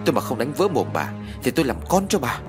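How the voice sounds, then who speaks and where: A man voicing a furious young mother who yells threats. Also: mid-range voice, wildly swooping pitch, fast talker, music in the background. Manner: yelling, threatening.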